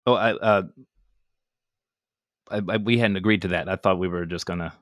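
A man's voice: low-pitched, normal speed, dry recording, clean studio sound. A man playing a tabletop game, chatty and swearing now and then. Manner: animated, swearing, laughing. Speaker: player. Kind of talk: casual tabletop game play.

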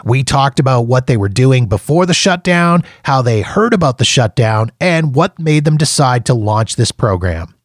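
A man's voice: mid-range voice, lively intonation, normal speed, hardly any pauses, dry recording, studio quality. A man hosting a podcast interview over a video call, asking rambling questions with many restarts. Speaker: podcast host.

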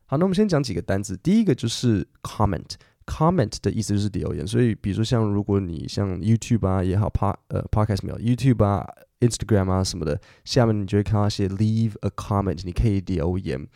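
Man, podcast English teacher, low gravelly voice, patient explanations, dry close sound. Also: animated, brisk, mellow, dry recording. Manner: patient and explanatory, with frequent fillers and self-corrections. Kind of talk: podcast language lesson, explaining in detail.

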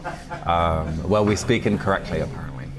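A man's voice: low-pitched, expressive, moderate pace. A man from Bath with a southern English accent on a date, talking dry and awkward. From Bath, England. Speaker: date, comedian. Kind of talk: casual conversation on a date. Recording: music playing behind.

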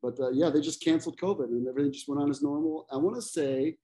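A man's voice: fairly high pitch, fast talker, mellow, rough recording. Forty-something guy raised in ecuador, laid-back joking chat, laughs a lot. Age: 40s. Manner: self-deprecating, laughs often. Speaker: comedian guest. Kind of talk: casual podcast chat.

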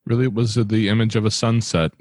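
A man with a fairly low voice, recorded close and dry. He responds as a participant in a guided exercise, low-key and a little tentative. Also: steady tone, fast, a little mellow, dry recording. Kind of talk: brief conversational responses.

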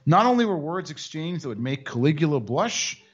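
A man narrates a news story as a commentary host, wry and mocking. His voice sits a bit high and moves with lively swings of pitch. The audio is dull and lo-fi. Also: normal speed, breathy edge. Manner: dry, mocking asides. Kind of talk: sarcastic commentary.

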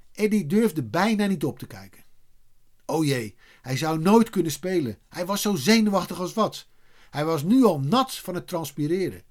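A man reading a children's story aloud in a lively way, voicing the characters. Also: on the high side. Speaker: narrator.

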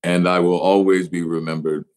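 A middle-aged actor with a New Orleans accent, telling stories expansively in an interview and acting out examples with pitch swings. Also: male voice, flat delivery, moderate pace, clean tone, rough recording. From New Orleans, USA. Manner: expansive storyteller, shifts pitch to act out examples. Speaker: actor guest. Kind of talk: animated interview talk.

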